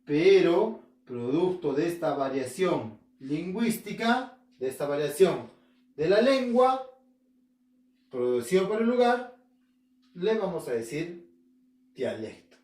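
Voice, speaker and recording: A man's voice: fairly high pitch, very animated, slow, darkish tone. A male teacher from Peru with an Arequipa accent gives a recorded class. He asks himself questions, answers them, repeats key terms and checks in with his listeners. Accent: Peruvian Spanish, Arequipa. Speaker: school language teacher. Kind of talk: recorded home-learning class. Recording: roomy echo, voice from far off the mic.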